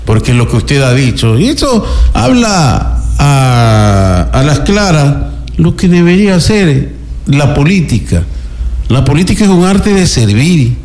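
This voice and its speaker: A man's voice: a little high, big pitch swings, slow pace, darkish tone. A man, hosting a radio interview, who puts questions and adds emphatic comments. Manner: frequent short affirmations, emphatic commentary. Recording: echoey room with faint noise.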